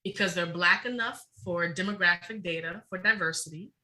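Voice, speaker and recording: A woman's voice: lowish voice, bright, forceful tone, poor audio. A middle-aged woman speaking passionately and emphatically as a guest in a podcast interview. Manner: passionate, emphatic, fast-flowing. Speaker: guest, researcher.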